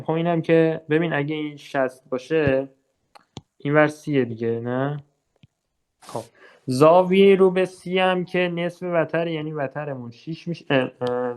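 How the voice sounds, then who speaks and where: A young man with a Persian accent walks students through exam problems in a loose, conversational lesson. His voice sits a little high for a man, and he thinks aloud, filling pauses and checking that his listeners are following. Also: clean tone. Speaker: physics tutor. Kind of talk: casual exam walkthrough lesson.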